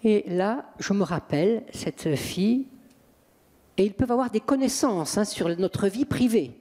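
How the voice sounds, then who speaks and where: A man, an exorcist priest, telling lively and emphatic anecdotes in an interview. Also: high-pitched, measured pace, long reverb tail. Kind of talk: interview storytelling.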